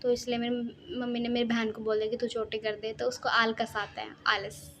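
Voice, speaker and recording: A woman's voice: a little high, level tone, a little fast, fairly bright tone, slight background noise. A young woman vlogging at her family home, chatting casually, teasing and laughing often. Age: young adult.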